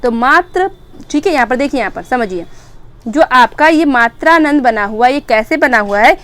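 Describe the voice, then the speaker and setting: A woman's voice: sits high, animated, moderate pace, fairly bright tone. A woman teaching an exam-prep grammar lesson, asking questions and answering them herself and repeating key words.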